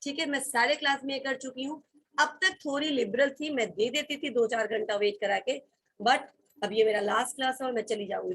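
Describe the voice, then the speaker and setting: High bright firm Indian woman teacher. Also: breathy edge, poor audio. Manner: firm and scolding, spells words letter by letter. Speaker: English vocabulary teacher. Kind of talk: classroom lesson mixing Hindi and English. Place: college classroom.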